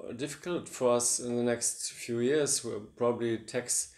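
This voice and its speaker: A man's voice: mid-range voice, fairly even intonation, normal speed, a crowd in the background. A German man speaking in a conversational interview, hesitant and often repeating words while he searches for them. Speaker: guest. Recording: echoey room.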